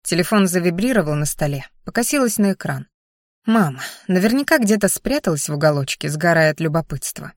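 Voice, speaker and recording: A woman reading a first-person novel aloud as narrator, with a lively, ironic inner voice. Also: fairly low pitch, brisk, no room sound, clean studio sound. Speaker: audiobook narrator.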